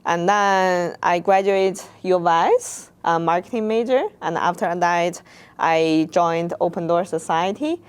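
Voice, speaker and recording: A young woman from China with a smooth, clear voice speaks as a guest. Her pitch sits a little low, and her speech is plain and slightly halting. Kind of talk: conversational interview.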